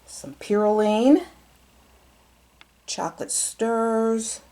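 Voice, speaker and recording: A woman's voice: a little high, extremely slow, dark tone, a little hiss or hum. A woman chatting casually as she shows off gift baskets, filming with a camera she holds herself. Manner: chatty, repeats herself, many fillers. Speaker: lifestyle vlogger showing gift baskets. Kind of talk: casual show-and-tell vlog. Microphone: handheld camera she operates herself.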